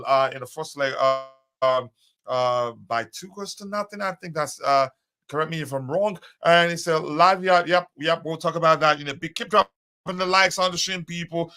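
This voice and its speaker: A man hosts a live fan stream, chatting casually with lots of fillers and greeting viewers by name. His voice is fairly high in pitch, pushed and bright.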